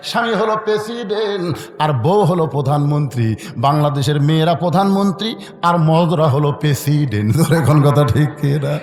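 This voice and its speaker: Male preacher, Bogura accent, storytelling sermon, lively pitch, recorded with hall echo. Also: brisk. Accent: northern Bangladeshi Bengali (Bogura). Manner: animated, addresses the crowd with questions. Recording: echoey hall with long reverb.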